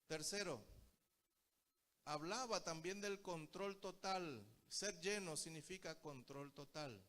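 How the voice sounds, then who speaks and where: Here the Paraguayan man speaks slowly in a fairly high, fairly bright voice, preaching a Bible study sermon. He tells stories and often refers to the audience as brothers.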